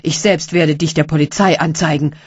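Casting: woman doing a furious nagging wife, loud and high, husky edge, dull lo-fi audiobook sound. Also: steady tone, moderate pace, dry recording. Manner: loud, berating, shouting insults. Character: shrill scolding wife of a barber. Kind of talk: audiobook reading.

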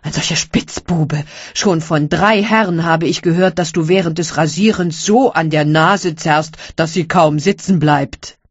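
Casting: woman doing a furious nagging wife, loud and high, husky edge, dull lo-fi audiobook sound. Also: unhurried, no room sound. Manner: loud, berating, shouting insults. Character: shrill scolding wife of a barber. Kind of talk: audiobook reading.

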